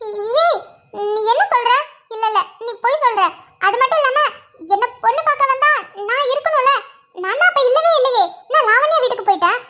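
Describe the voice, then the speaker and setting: A woman voicing a distressed, stubborn young heroine in an animated cartoon, pleading and worried. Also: very high-pitched, fairly quick, heavily acted. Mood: demanding.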